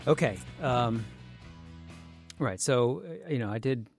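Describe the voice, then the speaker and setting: A man's voice: medium pitch, expressive, slow pace, faint music behind. A man hosting a science podcast interview, speaking in a conversational way with frequent restarts. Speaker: podcast host.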